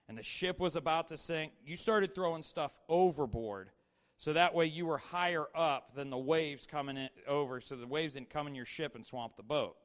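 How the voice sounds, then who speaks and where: Man preaching in a reverberant hall. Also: fairly high pitch. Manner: casual, storytelling, asks the audience questions; filler-heavy, repeats "you know". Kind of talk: conversational sermon. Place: large hall with slides.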